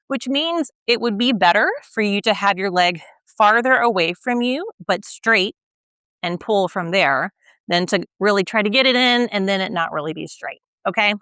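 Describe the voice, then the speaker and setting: A young woman guiding a stretching routine, gentle and patient, often checking in with the listener and a little out of breath as she stretches along. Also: mid-range voice, clean tone, dry recording. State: slightly out of breath while stretching. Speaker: stretching instructor. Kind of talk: guided exercise instruction.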